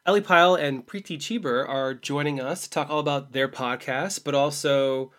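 A man co-hosting a podcast, chatting casually about comics, laughing often and tossing in quick asides. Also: fairly high pitch, a bit bright. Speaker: podcast co-host. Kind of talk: casual chat.

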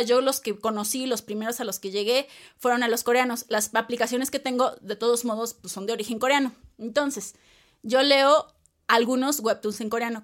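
A woman's voice: fairly high pitch, fairly bright tone. A woman with a Mexican Spanish accent, co-hosting a casual chat in a chatty, playful way with lots of fillers and asides.

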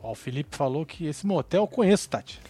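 A man's voice: fairly high pitch, expressive, fairly quick, dark tone, husky. A man from São co-hosting a casual gossip chat, laid-back and slangy, mostly agreeing with the host.

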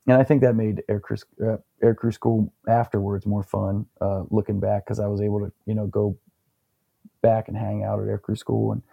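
A young man with a low, gravelly voice and a very dark, husky tone tells a long story in a loose, rambling way. He fills his speech with fillers and small laughs, and the dry sound puts him close to the mic. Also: level tone, moderate pace, no room sound, highs cut off. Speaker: interview guest. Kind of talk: casual storytelling.

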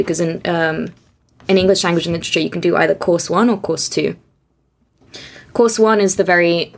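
A young woman from Austria, a guest in an interview, talking chattily with frequent laughs and restarts. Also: on the low side. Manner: chatty, self-deprecating, laughs often, many restarts. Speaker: guest, narrative designer. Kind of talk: conversational interview.

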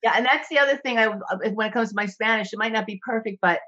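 Animated woman guest, muffled audio. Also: a little high, quick pace. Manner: animated, rambling anecdotes with fillers. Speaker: podcast guest. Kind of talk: casual conversational interview.

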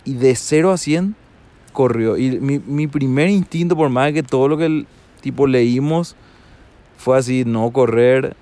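A man telling a story casually, halting and laughing at himself. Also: mid-range voice, dark tone.

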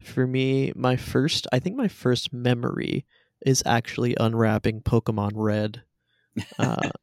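A man's voice: mid-range voice, steady tone, unhurried, a little mellow, no echo, studio quality. A man hosting a casual podcast discussion, talking in a reflective, self-deprecating way, with music behind him. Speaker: podcast host.

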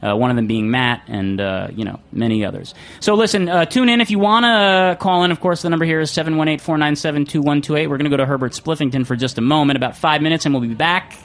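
A man hosting a live radio show from a studio, chatting casually and rambling with an excitable manner, often restarting his sentences. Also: a little high, fast, hardly any pauses, faint music behind. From not from New York.

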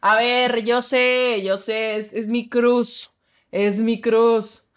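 A woman's voice: fairly high pitch, drawn-out words, clear, resonant tone. A woman with an upper-class Mexican fresa accent, co-hosting a casual comedy podcast, telling stories with laughs and mimicking others. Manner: animated, laughing storyteller who mimics others. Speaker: podcast co-host and voice-over artist.

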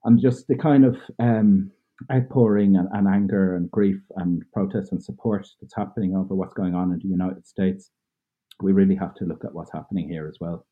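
A thirtysomething man from Ireland, guesting on a podcast, talks at normal speed in a low, steady voice with a breathy edge. His reflective answers are earnest and thoughtful, loosely phrased with many fillers. The recording has a tinny, phone-line quality.

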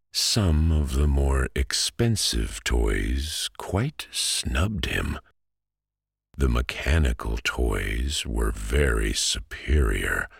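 A man narrating sleep stories in a slow, soothing, hushed way, with a husky low voice. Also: no room sound, studio quality. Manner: slow, calming, hushed delivery. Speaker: podcast host and sleep story narrator.

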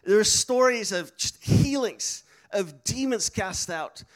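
He takes it slowly, his high-pitched voice expressive throughout. A young Dutch speaker at a missions school, he offers an upbeat, encouraging talk and calls out to the people in front of him.

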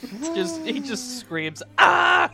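A man co-hosting a podcast, joking and reacting animatedly with frequent laughter. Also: fairly high pitch. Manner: animated, jokey, quick to laugh. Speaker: podcast co-host. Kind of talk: casual chat.

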